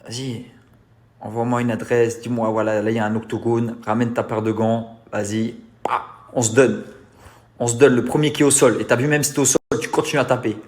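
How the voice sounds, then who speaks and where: A man's voice: medium pitch, fairly even intonation, a little fast, darkish tone. A man talking casually to his followers, boastful and repetitive, challenging his critics to a fight. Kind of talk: casual vlog talk.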